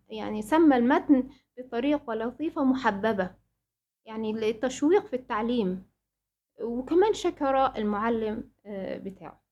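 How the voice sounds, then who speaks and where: A woman's voice: fairly high pitch, darkish tone, lo-fi sound. A woman with an Egyptian accent teaching a Quran recitation lesson to female students. She poses rhetorical questions, answers them herself, and often hesitates and restarts. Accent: Egyptian Arabic.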